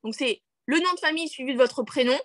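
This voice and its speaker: A network marketing team leader hosts a screen-share tutorial on a video call, talking fast in a high, slightly bright voice with no echo. She rambles chattily with fillers and restarts, keeps checking in with "d'accord?", and laughs at her own English in a self-deprecating way.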